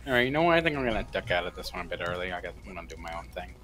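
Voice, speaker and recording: A man's voice: deep voice, very animated, racing, pushed and bright. A man chatting casually as a co-commentator during a video game stream. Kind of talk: casual chat. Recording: game music behind. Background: video game music.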